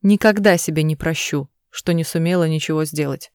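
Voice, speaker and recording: A woman reading the lines of a desperate mother who pleads through tears, in a low, dry voice. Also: fairly quick, darkish tone, smooth, no echo, natural voice. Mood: tearful pleading. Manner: pleading, urgent. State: crying.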